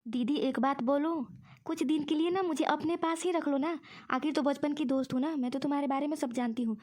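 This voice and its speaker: Cartoon, woman playing sly younger friend, high voice, sweetly persuasive. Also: fairly even intonation, fairly quick, a little mellow, lightly acted. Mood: coaxing. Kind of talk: cartoon voice acting.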